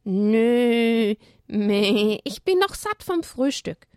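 A woman's voice: on the high side, lively intonation, extremely slow, a little mellow, dry recording, studio quality. Woman doing a small sweet young animal. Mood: casual.

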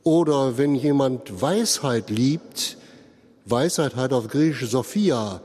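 A man's voice: medium pitch, warm tone, big-room sound. A man preaching a sermon, explaining earnestly and speaking straight to his listeners. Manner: slow, earnest explaining, addresses listeners directly. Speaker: pastor.

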